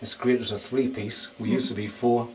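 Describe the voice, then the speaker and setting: A man's voice: medium pitch, fairly even intonation, moderate pace, darkish tone. An easygoing man with a Northeast English accent talks casually about his band, in a mid-range voice. He is picked up from a distance in a lounge bar, with faint noise behind him. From Sunderland, England. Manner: easygoing, rambling. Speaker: band guitarist and singer. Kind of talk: casual interview chat.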